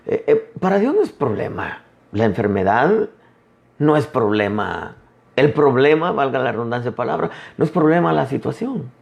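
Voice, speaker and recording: A man preaching a sermon as an apostle, emphatic with dramatic pauses. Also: mid-range voice, very animated, creaky, muffled recording.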